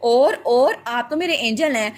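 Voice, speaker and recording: A woman's voice: on the high side, animated, unhurried. Woman reading as a sweet little noble girl. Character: cheerful little girl, reincarnated noble daughter.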